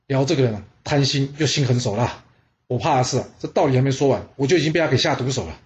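A man voicing an ambitious prince who speaks in a measured, persuasive way. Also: medium pitch, animated, highs cut off, lightly acted. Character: ambitious male prince, calm and scheming.

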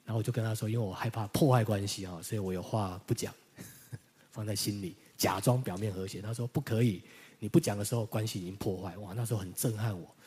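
A man pastor delivering a sermon, telling personal stories, moving between loud emphasis and quiet, reflective passages. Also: lowish voice, steady tone, quick pace, breathy edge.

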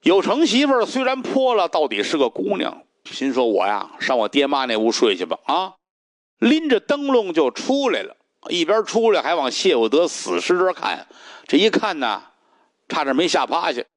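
Male storyteller, lively pitch swings, dry close sound. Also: moderate pace, no room sound. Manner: animated, dramatic pacing. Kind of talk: traditional solo storytelling.

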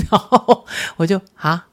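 A woman's voice: mid-range voice, takes it slowly, a bit bright. A woman podcast host with a Taiwanese Mandarin accent, telling everyday stories in a chatty, casual monologue mixed with Hokkien phrases.

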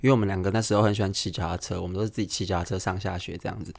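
A young man with a low voice and a Taiwanese Mandarin accent tells a story from his school days in a casual podcast monologue. He jumps into the voices of the people in his story with lively energy. The sound is close and dry, with no room around it. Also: racing, vocal fry, no echo. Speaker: podcast host.

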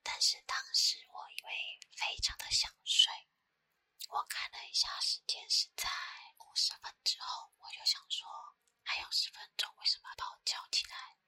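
Whispering close to the microphone, this ASMR creator tells her own stories in a chatty, breathy, gentle way, taking her time with pauses. She has a Taiwanese Mandarin accent, and the sound is dry.

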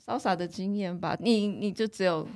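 A woman's voice: mid-range voice, moderate pace, darkish tone. A woman with a Taiwanese Mandarin accent hosting a casual chat, playful and dropping in English words. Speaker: podcast host.

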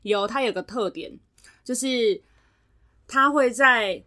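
A young woman co-hosting a podcast tells a work story in casual chat, animatedly acting out the voices of people she quotes. Her voice is on the high side and her pace slow.

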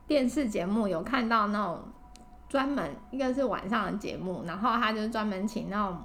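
A woman with a Taiwanese Mandarin accent co-hosting a podcast in casual chat, eager and quick to chime in with agreement. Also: mid-range voice, a bit bright, slight background noise. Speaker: podcast co-host.

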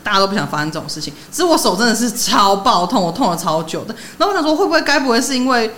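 Podcast co-host: young woman, quick and animated storyteller, higher voice with lively swings. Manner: animated storytelling, laughing often. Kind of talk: casual chat.

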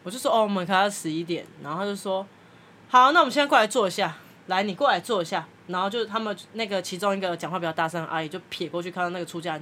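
A woman's voice: lowish voice, slight background noise. A woman podcast host, telling a story in casual chat and acting out the people she quotes, with frequent laughter.

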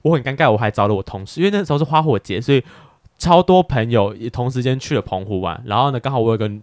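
A man speaking, co-hosting a podcast and telling a story in a casual, animated way, with stammering restarts and frequent laughter. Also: medium pitch, quick pace, dry recording, studio quality. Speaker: podcast co-host.

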